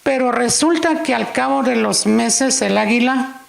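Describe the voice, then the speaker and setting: A woman's voice: on the high side, unhurried, vocal fry. A woman preaching in church, unhurriedly telling a story and acting out its dialogue. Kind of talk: sermon storytelling.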